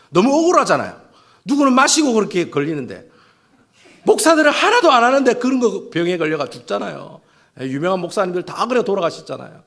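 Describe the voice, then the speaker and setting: A man, a pastor preaching a sermon in an animated way, asking rhetorical questions and acting out quoted speech. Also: sits high.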